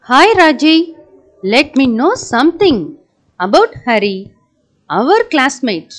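A friendly schoolchild chatting with classmates, as a woman acts her out for a school puppet play. The voice is high and lively, and the lines come slowly. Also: heavily acted. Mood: cheerful. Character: cheerful schoolchild Kavi, friendly. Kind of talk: school puppet show voice acting.

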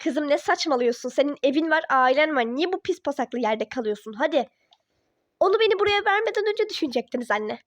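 A woman's voice: sits high, animated, brisk, no echo, studio quality, voice pushed down. A woman voicing a pushy middle-aged mother who coaxes her daughter to come home in a toy-app role-play drama. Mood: coaxing. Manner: coaxing, dismissive.

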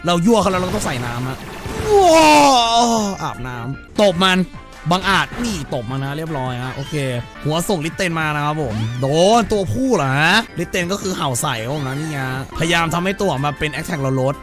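A man's voice: on the high side, lively intonation, fairly quick, over music. A man streaming a game, joking crudely and putting on silly voices for the characters. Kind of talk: let's-play commentary.

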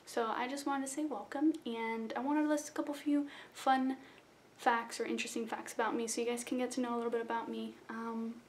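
Speaking briskly with few pauses, a chatty young adult vlogger from South Florida rambles at her webcam from close up in a small bedroom. Her slightly high voice holds a level tone as she pokes fun at herself in this casual intro video, with slight background noise present.

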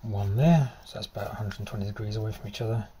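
A middle-aged man talking casually while he rebuilds a car engine outdoors, thinking aloud with pauses and fillers. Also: on the low side, background noise. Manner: thinking aloud, stop-start explaining with fillers. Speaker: DIY car mechanic. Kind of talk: casual workshop explanation. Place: outdoor driveway.

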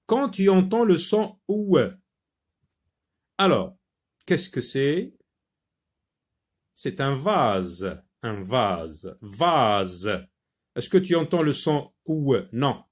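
A man teaching French phonics, repeating each word slowly with many hesitations. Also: medium pitch, very animated. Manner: slow, repeats words, many filler hesitations. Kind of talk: slow phonics lesson.

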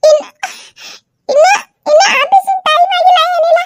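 A woman's voice: steady tone, normal speed, noisy background. A woman voicing a nervous young daughter-in-law in a comedy skit, stammering in a North Karnataka Kannada accent. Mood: flustered. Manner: nervous, high-pitched, stammering.

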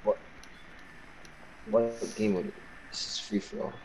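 A man's voice: lowish voice, very animated, slow, gravelly, darkish tone, a little hiss or hum. A man talking casually over in-game voice chat as a teammate. His voice comes through robotic and metallic. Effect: robotic, metallic voice-chat distortion. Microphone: online voice chat through a game.

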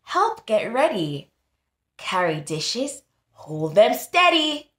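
This tutor, a woman in her thirties, brings a picture book to life for young children, reading deliberately and expressively and regularly prompting them with questions. Her pitch is on the high side. The small indoor room with plain walls is reverberant.

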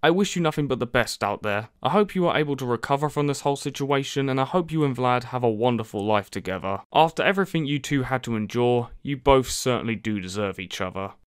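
A man's voice: medium pitch, lively intonation, fast, hardly any pauses, smooth. A man giving a scripted, earnest apology as a video creator, speaking in an apologetic manner.

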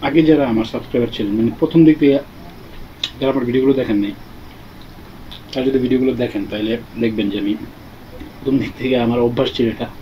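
A man's voice: medium pitch, very fast, long pauses. A man hosting an eating video, chatting casually to his viewers with his mouth full. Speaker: food vlogger. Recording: slightly dull audio with fan and wind noise. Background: fan whoosh.

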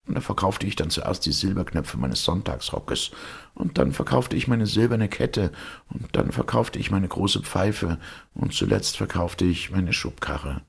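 A man's voice: sits low, expressive, unhurried, creaky, breathy edge, exaggerated voice. A man voicing a humble, naive young gardener who talks in an eager, grateful way, in a storybook reading. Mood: earnest.

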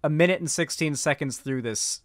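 This one is a live-streaming political commentator, an American man in his twenties whose voice sits slightly high. His casual reaction talk comes out halting, sarcastic, indignant and full of profanity, picked up by a close boom mic in a small streaming room at home, with a dry recording.

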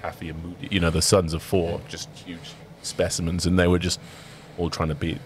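Young man, very deep voice, laid-back slangy banter, faint noise behind. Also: completely flat delivery, brisk. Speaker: podcast co-host, rugby player. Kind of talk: casual chat.

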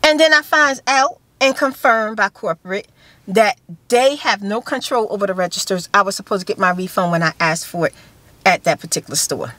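A woman's voice: medium pitch, fairly quick, dry recording. A woman, telling a story to camera in a casual chat from inside a parked car, gesturing a lot and repeating herself for emphasis. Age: 50s. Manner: animated storytelling with hand gestures and repeated phrases. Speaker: vlogger. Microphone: phone camera held close.

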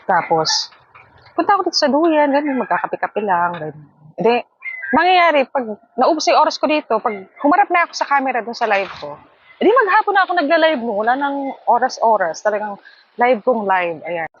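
A woman vlogging outdoors in casual chat, chatty and laughing with sudden high squeals. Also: sing-song, fairly quick, lo-fi sound. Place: outdoors by a hammock. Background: wind.

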